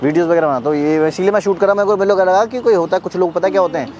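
Fast-talking young man in a park. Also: high voice, darkish tone, a little hiss or hum. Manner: urgent, scolding, talks fast with many repeats. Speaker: YouTube creator. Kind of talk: outdoor prank-style vlog. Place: outdoor public park.

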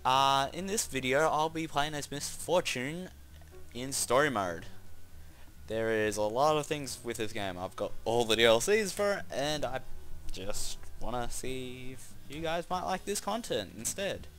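Slow-talking man giggling through gameplay. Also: medium pitch, lively intonation. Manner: rambling, giggly, bursts of loud exclamations. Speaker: gameplay commentator. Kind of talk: casual gameplay commentary.

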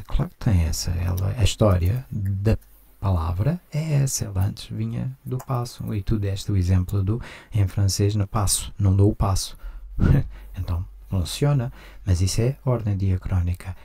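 Low, gravelly man reading aloud. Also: mellow, no echo. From Brazil. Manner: reads steadily, breaking into quick delighted asides. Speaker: reading group leader. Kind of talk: commented reading aloud of a text.

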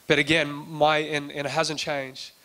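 A man preaching in an easy, chatty sermon voice, bright and crisp in tone. He tells his story with little rise and fall in pitch, acting out the lines he quotes. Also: flat delivery, a little slow. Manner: conversational, acts out quoted dialogue, frequent restarts. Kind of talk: sermon testimony.

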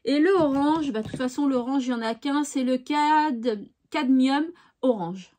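A woman's voice: high-pitched, measured pace, warm tone. A woman hosting a craft tutorial, chatting casually and thinking aloud with fillers. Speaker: craft channel host.

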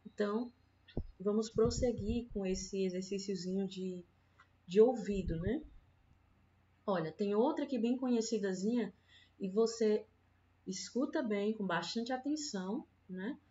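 A woman's voice: medium pitch, measured pace, warm tone. A woman teacher with a Brazilian Portuguese accent, explaining patiently in an online lesson for children and often adding "né?". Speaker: primary school teacher. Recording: dull lo-fi sound with faint guitar.

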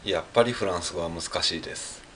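His voice sits low and a bit bright, and he speaks quickly, over a little hiss or hum. A French learner from Japan with a Japanese accent, he carefully practices French pronunciation in a monologue, drilling individual syllables and saying them again in Japanese.

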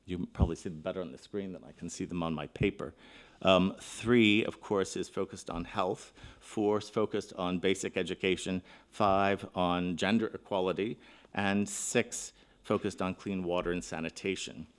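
A man's voice: deep voice, fairly even intonation, normal speed. Earnest middle-aged man giving a keynote. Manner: earnest, emphatic, with restarts and fillers. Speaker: keynote speaker. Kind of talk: conference keynote talk. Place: conference hall, seated at a panel table.

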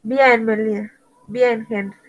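Slow, high-voiced woman teaching English. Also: fairly even intonation, lo-fi sound. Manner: slow, spells out words letter by letter; calls on students by name and praises them. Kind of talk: online language lesson.

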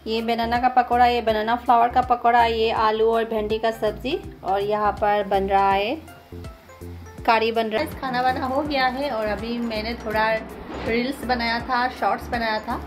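A woman's voice: on the high side, fairly even intonation, moderate pace, over music. A woman filming a casual home vlog in her kitchen, chatting with her viewers as she works through chores step by step. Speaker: home vlogger.

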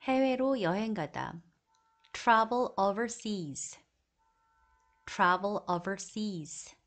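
A woman reading an English vocabulary drill as a teacher, saying each phrase twice in a slow, deliberate way. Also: medium pitch, lively intonation.

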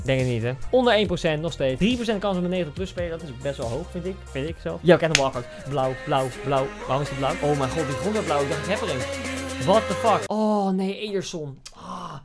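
A young man with a Dutch accent, commentating on a video game pack opening, swinging from flat muttering to loud outbursts. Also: fairly high pitch. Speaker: gaming YouTuber.

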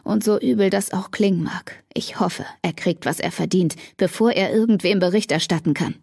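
A woman voicing an intense young man who is protective and angry, speaking low and curt. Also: normal speed, gravelly, darkish tone, slightly rough, dry recording, studio quality.

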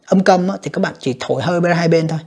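A husky, darkish voice of medium pitch moves fast as an English teacher works through exam questions. Option by option, the English is read aloud, translated, and judged for the class, with frequent address to "các bạn".

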